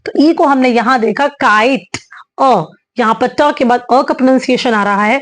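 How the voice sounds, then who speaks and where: Patiently working through English phonetics, this woman speaks in a slightly high voice, going slowly and saying every sound more than once as she explains it.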